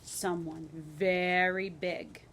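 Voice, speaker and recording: During a grade school read-aloud, a woman tells a story with fairly even intonation and drawn-out words, her fairly low voice a little bright. She mixes in casual asides and questions, and there's slight background noise.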